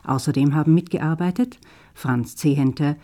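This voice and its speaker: Mellow, formal radio announcer. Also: medium pitch, moderate pace. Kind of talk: scripted broadcast credits.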